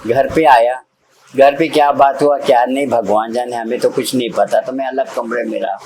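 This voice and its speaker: An older man from central India, an old age home resident, telling his own life story in a halting, simple way with many repetitions. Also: medium pitch, fairly even intonation, darkish tone, breathy edge, poor audio. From Nagpur, India. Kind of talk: personal testimony in an interview.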